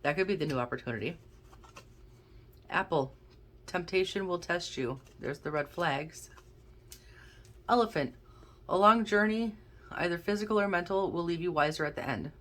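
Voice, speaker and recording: A woman doing a casual pick-a-card reading, thinking aloud with many restarts and a gentle, encouraging manner. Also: lowish voice, normal speed, long pauses. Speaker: tarot card reader.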